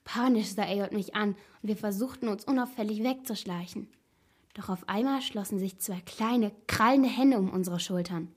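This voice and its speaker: A woman narrating a first-person storybook in a steady, tense manner. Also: medium pitch, normal speed, slightly rough.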